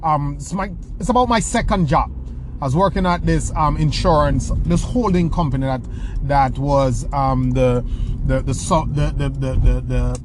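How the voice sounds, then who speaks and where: Answering a question, a motivational speaker from the Jamaican countryside tells stories in a slightly high voice at normal speed, with background noise behind him. His Jamaican accent comes through as he restarts often and repeats words.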